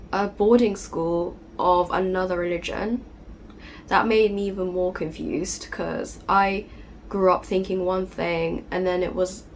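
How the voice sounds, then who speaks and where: In this confessional vlog, a woman addresses her channel with gentle sincerity, her speech peppered with "you know." Her voice, moderate in pitch for a woman, is slightly altered by a lingering cold, and a soft hiss sits behind it.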